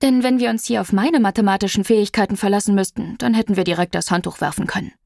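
A woman narrating an audiobook story in a lively storytelling manner. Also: medium pitch, quick pace, vocal fry, no room sound, clean studio sound. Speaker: audiobook reader.

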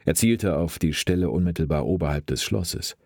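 A man narrates a crime story in a deep, husky voice, steady and measured. The recording is dry and close, with no room sound. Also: dry recording. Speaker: audiobook narrator.

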